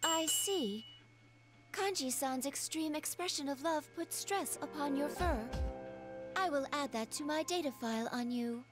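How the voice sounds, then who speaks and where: A formal, earnest female android. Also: high voice. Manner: formal, measured, slightly flat. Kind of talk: video game voice acting. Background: game music.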